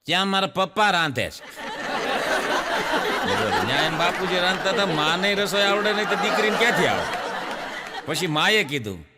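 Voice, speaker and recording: A man's voice: sits high, moderate pace, pauses often, heavy background noise. A man telling jokes on stage, playing out the characters' quoted lines as he goes. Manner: lively storytelling, acting out characters' quoted lines. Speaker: stand-up comedian. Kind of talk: Gujarati joke telling to an audience. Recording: long hall reverb, stage show.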